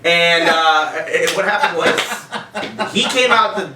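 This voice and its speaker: A man's voice: high-pitched, takes it slowly, background noise. A stand-up comedian with a slightly raised voice, telling loose and profane anecdotes. He sits back from the microphone in a reverberant room, so every word carries some echo. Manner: profane, rambling, laughing storyteller. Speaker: stand-up comic guest. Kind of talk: casual podcast storytelling. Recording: roomy sound from a distance.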